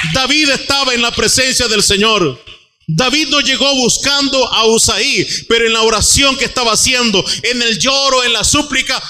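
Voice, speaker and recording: A male pastor preaching a fervent sermon in a church, now and then rising to shouts. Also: very high voice. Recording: long church hall reverb.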